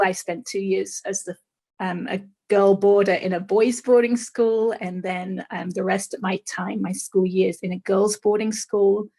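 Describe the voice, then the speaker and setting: An older woman from England, whose mid-Atlantic accent still carries some English, tells her life story as a guest on a podcast interview over a video call. Her medium-pitched, darkish voice is candid and reflective with some hesitations, heard through a dark mic in front of her in a small room lit purple.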